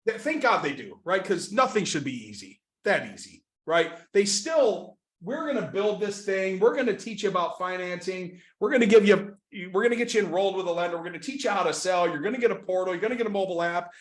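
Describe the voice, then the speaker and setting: A man with a slightly raised pitch speaks earnestly in a casual podcast conversation. He tells personal stories with animated energy. The room around him is noticeably echoey. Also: fast, hardly any pauses. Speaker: podcast guest, business founder.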